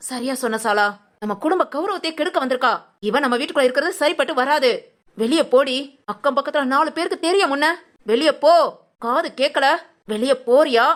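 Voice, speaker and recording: A woman's voice: sits high, a bit bright. A woman playing a domineering mother-in-law who harshly scolds her daughter-in-law in a village family drama.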